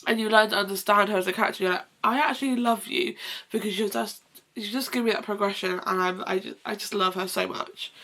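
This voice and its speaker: A woman's voice: medium pitch, steady tone, fast, pushed and bright. A young woman with a blocked nose, sounding nasal, chatting casually about books in a rambling, self-correcting, gushing way. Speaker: book vlogger. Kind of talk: casual chat.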